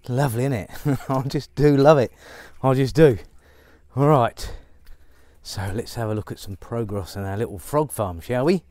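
A man's voice: medium pitch, normal speed, a little mellow, no room sound. Chatty middle-aged man outdoors. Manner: chatty, upbeat, many fillers. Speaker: vlogger on his farm. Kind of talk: casual vlog narration to camera. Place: outdoors on a rural farm, rainy. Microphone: lapel mic.

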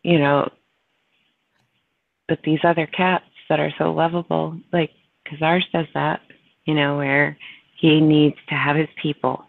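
A woman's voice: sits low, flat delivery, measured pace, creaky, pauses often, dry recording. A woman in a casual chat, telling funny stories and laughing often. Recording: tinny phone-like dry line.

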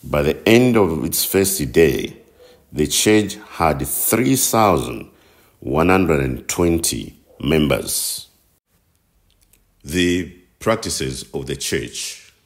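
A man narrates a scripted Bible lesson as a voice-over. His voice sits very low, and he reads slowly and deliberately, pausing over each scripture reference. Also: expressive. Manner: slow, measured reading with scripture citations. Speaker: narrator of Bible teaching series.

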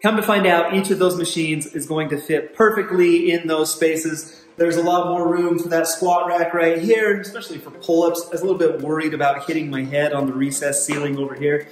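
A man's voice: fairly high pitch, steady tone, brisk, few pauses. A man in his thirties, a physical therapist hosting a casual home-renovation vlog, talking upbeat and enthusiastic to his viewers from an unfinished basement on a handheld camera. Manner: upbeat and enthusiastic, keeps addressing the viewers as "you guys". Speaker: physical therapist and fitness channel host. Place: unfinished basement under construction, indoors. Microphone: camera mic, often handheld at arm's length. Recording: echoey bare room with faint background music.

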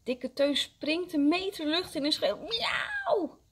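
A kindergarten teacher, a woman, reading a story aloud to young children with expressive, gentle storytelling. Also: high voice, unhurried.

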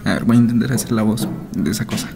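A man's voice: on the low side, racing, creaky, music in the background. A man reads a horror story aloud, reacting with nervous jokes and often dropping to a whisper. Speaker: channel host.

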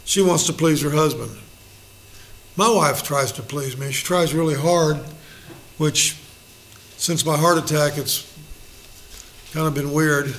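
A man's voice: on the high side, a little slow, long pauses, fairly bright tone. Joking folksy preacher man. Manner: folksy and joking, with acted quotes. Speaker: pastor. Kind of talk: bible study teaching.

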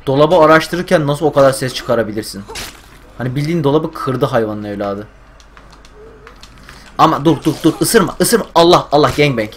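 A young man commentating a game stream live, getting loud and swearing at the game. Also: mid-range voice, normal speed, pauses often, slight background noise. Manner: excitable, swears, yells at the game. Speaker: gaming streamer.

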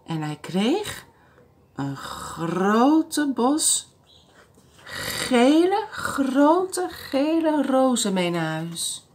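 A woman librarian reading a picture book aloud to toddlers in an animated, sing-song way. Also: sits high, extremely slow. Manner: animated, sing-song, speaks to small children.

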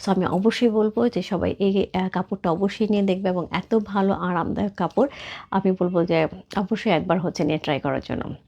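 A hoarse woman, hosting a live-stream clothing sale, chatty and greeting viewers by name. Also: medium pitch, brisk, mellow. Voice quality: husky. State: hoarse from a cold. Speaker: live sales host. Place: clothing outlet.

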